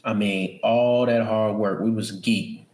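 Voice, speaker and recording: A man's voice: lowish voice, fairly even intonation, takes it slowly, darkish tone, echoey room. A man co-hosting a podcast, talking wrestling in an emphatic, slangy way. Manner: slangy, emphatic, says bro a lot. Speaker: podcast co-host. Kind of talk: casual wrestling chat.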